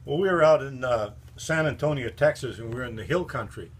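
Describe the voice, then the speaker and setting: Older guy spinning folksy yarns about his buddy, easygoing, lots of uh's, middle pitch. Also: lively intonation, a little fast, slight background noise. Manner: folksy, rambling anecdotes with fillers. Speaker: friend giving a book endorsement. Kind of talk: casual storytelling.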